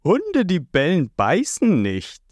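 A man's voice: high voice, huge pitch swings, takes it slowly, dry recording, pitched above the performer's own voice, exaggerated voice. A man voicing a smug, scheming male villain who drawls his words.

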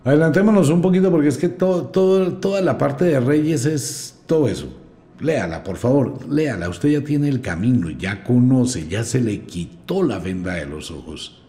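A man's voice: medium pitch, normal speed. A man, hosting a podcast and reading scripture aloud with blunt, mocking commentary. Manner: mocking, blunt, lively storyteller. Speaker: podcast host. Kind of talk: scornful commentary with Bible reading.

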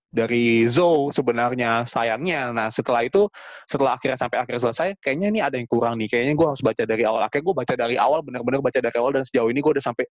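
A man co-hosts a casual podcast, speaking in loose slang and slipping into quoted reactions as he tells a story. His voice sits at an ordinary middle pitch. The recording is close and dry, with no room sound. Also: racing, dry recording. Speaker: podcast co-host. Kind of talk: casual chat.

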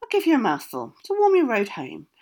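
A woman's voice: on the high side, huge pitch swings, brisk, a little mellow, pitched above the performer's own voice, exaggerated voice. A woman voicing an old country woman baker who gives firm, emphatic orders in a storybook. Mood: insistent. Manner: bossy, emphatic instructions.

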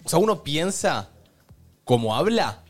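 A young Argentine man with a Rioplatense accent talks in a rambling way, circling back to restart his thoughts. His voice sits slightly high for a man. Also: big pitch swings, unhurried, faint music behind. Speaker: podcast co-host. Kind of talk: casual group chat.

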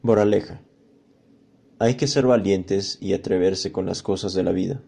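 Deep gravelly male storyteller. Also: normal speed, warm tone. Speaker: narrator. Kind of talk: storybook narration for children.

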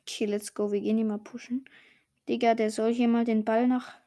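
A young, slangy gamer giving excited casual commentary while playing, full of exclamations and swearing. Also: mid-range voice, a little fast. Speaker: gaming streamer playing a party game.

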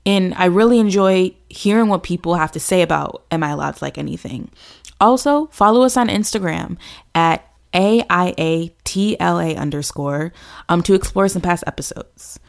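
A woman's voice: lowish voice, normal speed, gravelly. A woman hosting a podcast gives a chatty, upbeat intro to the episode. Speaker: podcast host.

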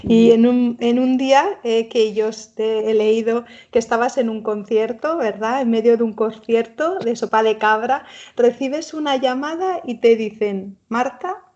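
A woman's voice: a little high, a little slow, dark tone, highs cut off. A woman interviewer prompting her guest with curious questions.

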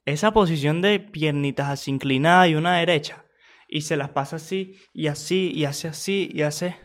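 A man with a Venezuelan accent talks over a video in relaxed commentary, slipping into laughter and slang as he retells the action. His voice sits a little high for a man. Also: normal speed. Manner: laughing, animated, slangy storytelling. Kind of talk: casual reaction commentary.

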